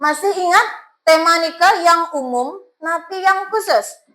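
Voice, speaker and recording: A woman's voice: extremely high pitch, unhurried, sharp tone, rough recording. A woman teacher with a Balinese accent, coaxing her students with questions as she teaches a class.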